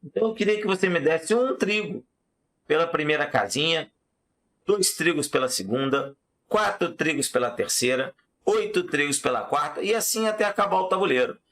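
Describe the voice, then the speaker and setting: A humble, wise young man, as a male teacher voices him, explaining calmly and gently in an everyday voice close to the storyteller's own. He reasons patiently, as in a storybook. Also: on the high side, moderate pace, voice pushed up.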